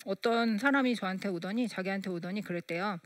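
A woman's voice: mid-range voice, fairly quick, no echo, clean studio sound. A woman giving a lecture on parenting, telling stories and acting out the dialogue in quoted voices. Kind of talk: storytelling lecture.

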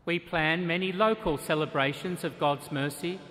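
A middle-aged man gives a measured, solemn sermon, pausing deliberately between phrases. His voice sits slightly high for a man. He speaks into a lectern microphone, and the vast stone cathedral around him carries a long, lingering reverb. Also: a bit bright. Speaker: archbishop preaching.

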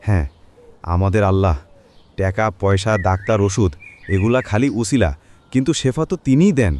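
This cartoon role, a caring and religious friend from the village, is voiced by a man with a rural Bangladeshi accent who sounds earnest, reassuring and gently encouraging. His fairly low voice keeps a moderate pace close to everyday speech, over faint noise and birdsong.

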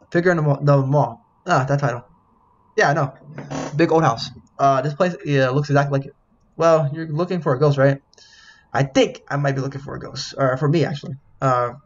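A man's voice: mid-range voice, lo-fi sound. A man casually reading a game's dialogue aloud while he plays, swearing, laughing and yelping when something startles him. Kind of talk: casual let's-play commentary.

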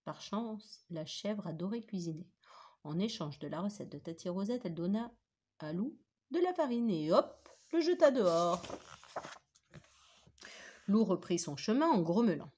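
A woman teacher reading a children's story aloud with animated, expressive storytelling. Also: mid-range voice, unhurried, slightly rough.

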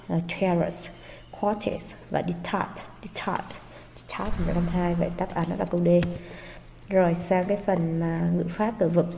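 Woman teacher, mellow and patient, slightly echoey with light background noise. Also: on the low side. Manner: patient, hesitant with frequent fillers. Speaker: English teacher. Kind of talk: explaining exam answers. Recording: long hall reverb, faint noise.

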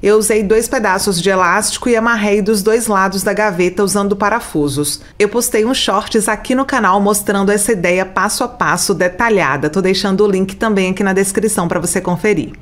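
Young woman, Brazilian Portuguese accent, casual vlog voice-over, talks straight to viewers, medium pitch. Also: fairly quick, hardly any pauses. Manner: chatty, addresses viewers directly. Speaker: home organization vlogger. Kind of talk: voice-over narration of cleaning.

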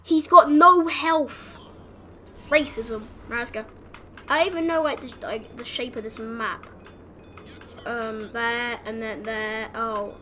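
A woman giving excited gameplay commentary as a gaming channel host, breaking into shouts and yelps at the action. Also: on the high side, slow pace, a little hiss or hum.

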